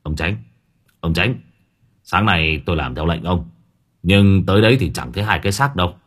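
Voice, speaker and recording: A man voicing a swaggering young hired thug who talks fast and mocking. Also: deep voice, animated, a bit bright, slightly rough, full character voice. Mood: urgent.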